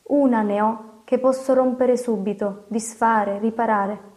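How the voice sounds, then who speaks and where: A woman's voice: on the high side, steady tone, a little slow, darkish tone, natural voice. A woman voicing a tormented, hardened nobleman in an audiobook, speaking with anguish and despair. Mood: remorseful.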